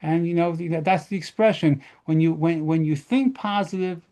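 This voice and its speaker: A rabbi telling lively stories at a model seder lesson, mixing in Hebrew terms. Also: male voice, on the high side, normal speed.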